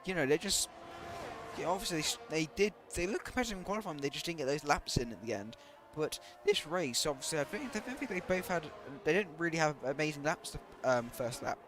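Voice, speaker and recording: A man's voice: fairly high pitch, noisy background. A man doing live commentary on an online racing league, talking hesitantly with many fillers, saying he is losing his voice.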